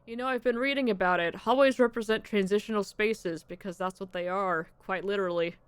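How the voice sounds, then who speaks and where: A woman's voice: mid-range voice, a little fast, clear, resonant tone, no room sound, close to an everyday voice. A woman voicing a theatrical female spirit medium and tarot reader in a grand, mystical manner. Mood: reassuring. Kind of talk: voicing game characters on a live stream.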